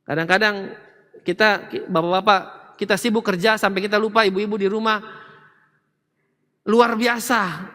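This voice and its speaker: A middle-aged male pastor preaching an animated sermon, acting out family members in quick quoted voices. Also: high-pitched. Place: large church hall. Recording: church hall with long reverb.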